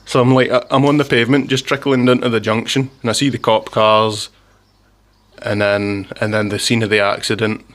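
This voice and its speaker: A man's voice: on the low side, flat delivery, brisk, fairly bright tone. A Scottish man telling a rambling story in a casual monologue, with frequent restarts and chuckles. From Scotland.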